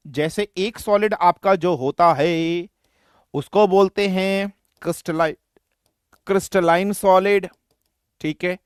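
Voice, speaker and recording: A man's voice: sits high, smooth, no room sound, clean studio sound. A young man from western Uttar Pradesh teaching a live online class, joking and teasing his students between explanations.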